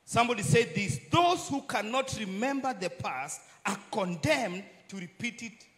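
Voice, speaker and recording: A man preaching to a church congregation, his voice sitting notably high for a man. He delivers the sermon in short, measured phrases and stops after each one to leave room for an interpreter. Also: expressive, a bit bright.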